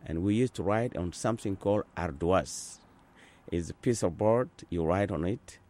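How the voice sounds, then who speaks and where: A man in his sixties with a low voice and darkish tone answers interview questions in English in a conversational interview, serving as both interviewee and translator. He is an Azande speaker described as from Sudan and from South Sudan. He speaks earnestly and unhurriedly, pausing and restarting often.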